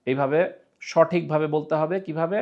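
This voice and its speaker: A man from Bangladesh teaching Quran recitation, explaining pronunciation and repeating sounds slowly as drills, asking and answering his own questions. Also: on the high side, fairly even intonation, lo-fi sound.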